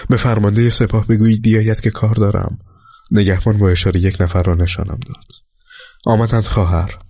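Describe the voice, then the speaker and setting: Male audiobook narrator, mellow and husky, calm measured memoir reading. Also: low-pitched, dry recording, clean studio sound. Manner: calm, measured storytelling, voicing quoted dialogue lightly.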